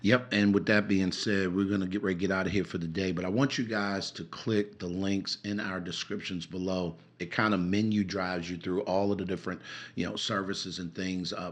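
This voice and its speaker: A man's voice: low voice, fairly bright tone. A middle-aged man with a Southern accent, co-hosting a casual podcast as a relationship coach, talking loosely with fillers.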